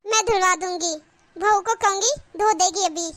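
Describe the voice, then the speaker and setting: A woman's voice: extremely high pitch, normal speed, a bit bright. A woman voicing a nagging middle-aged mother-in-law in a cartoon, calling out and scolding her daughters-in-law.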